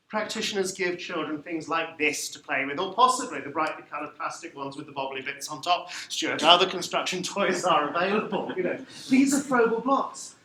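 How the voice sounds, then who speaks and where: A man giving a live lecture to a room of teachers, lively and wry, putting questions to the audience. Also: on the high side. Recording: echoey room, faint background noise.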